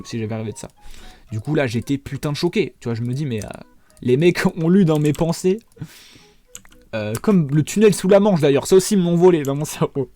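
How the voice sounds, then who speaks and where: Young man rambling over gameplay, slightly high. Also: dark tone. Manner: rambling, swears a lot, talks straight to viewers. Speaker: gaming YouTuber. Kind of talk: casual gameplay commentary.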